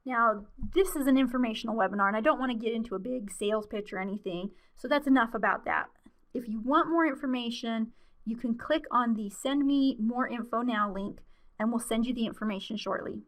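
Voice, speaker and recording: A woman's voice: fairly high pitch, brisk. A woman presenting a webinar in a friendly, conversational way with frequent fillers, her voice wearing out. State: losing her voice.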